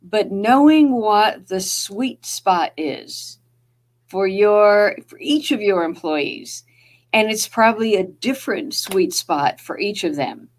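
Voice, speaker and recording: A woman with a New Jersey accent, a guest author in an interview, speaking thoughtfully and measured, with pauses and fillers. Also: mid-range voice, animated. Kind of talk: podcast interview.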